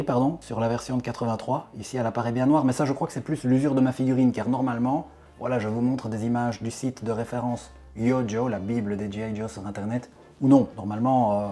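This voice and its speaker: A man chats through a collector's comparison, restarting phrases and correcting himself as he shows things. His voice sits at an ordinary middle pitch with a dark, mellow tone. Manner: chatty, self-correcting, explains while handling figures. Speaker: toy collector vlogger. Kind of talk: casual explanatory commentary.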